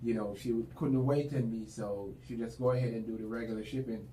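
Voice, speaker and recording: Man, warm mellow tone, rambling casual talk, distant mic, faint hiss. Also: on the low side, steady tone, brisk. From Jamaica. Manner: talkative, loose, many fillers. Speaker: business owner guest. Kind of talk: casual interview chat. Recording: echoey room, mic at a distance, faint background noise.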